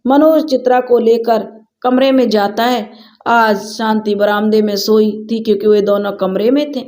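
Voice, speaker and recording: A woman telling a family drama story in steady, dramatic narration. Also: on the high side, a little slow.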